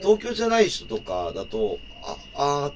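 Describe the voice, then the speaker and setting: A man from Fukui chats on a casual radio show in a chummy, rambling way. His pitch swings very widely, and a faint noise hums behind him. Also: wildly swooping pitch, moderate pace. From Tsuruga, Fukui.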